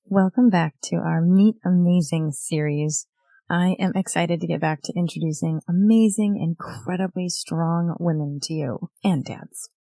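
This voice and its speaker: A woman's voice: on the low side, a little slow, warm tone, no room sound. A woman hosting a podcast, giving an earnest, reflective personal monologue. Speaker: podcast host.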